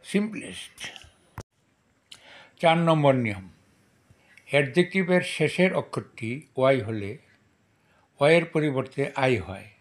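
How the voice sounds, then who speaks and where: Bengali guy teaching english grammar real slow, says every rule twice then reads out word lists. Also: mid-range voice, a bit bright. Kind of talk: slow dictation-style grammar lesson.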